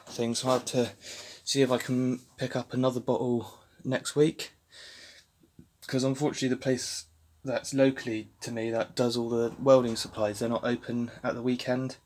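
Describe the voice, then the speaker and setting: Young man, flat-toned, rambling garage chat, handheld phone audio. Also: mid-range voice, slight background noise. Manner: relaxed, rambling, many fillers and restarts. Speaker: car restoration vlogger. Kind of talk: casual workshop narration. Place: home garage workshop. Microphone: handheld phone camera.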